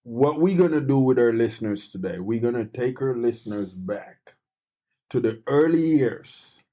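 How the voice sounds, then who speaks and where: A man's voice: medium pitch, animated, moderate pace, dark tone. A man hosting a podcast interview, encouraging his guest with frequent short replies. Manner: supportive, frequent short backchannels. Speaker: podcast host. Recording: dull, muffled podcast audio.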